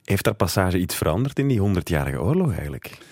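A man's voice: sits low, sing-song, fast, darkish tone, breathy edge, no echo. A man interviewing, mostly short prompts and brief questions.

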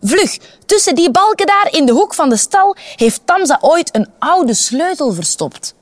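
A woman's voice: high voice, big pitch swings, a little slow, no room sound, voice pushed up. A woman voicing a helpful talking donkey who urges the children to run. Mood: urgent.

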